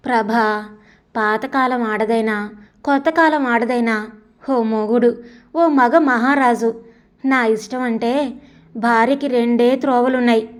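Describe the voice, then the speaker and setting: A woman voicing a resigned married woman who reasons things through steadily. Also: fairly high pitch. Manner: measured, reasoning.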